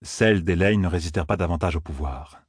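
A man narrating an audiobook in a measured storytelling manner. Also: deep voice, breathy edge, dry recording, clean studio sound. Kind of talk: scripted narration.

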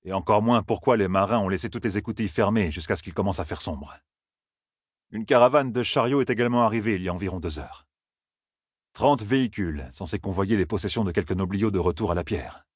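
A man voicing a steady veteran warrior bodyguard giving a matter-of-fact report in an audiobook. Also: fairly low pitch, a little fast, breathy edge, no echo, clean studio sound.

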